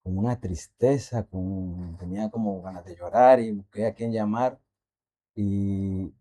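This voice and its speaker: Man, lowish mellow voice, halting reflective faith testimony. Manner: halting, reflective, asks listeners questions. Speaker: podcast co-host.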